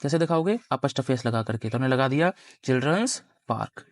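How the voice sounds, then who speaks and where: Speaking quickly with lively intonation and a medium pitch, this young teacher lectures on grammar at a board. He breaks things down step by step and keeps quizzing the class, captured in a dry, studio-quality recording.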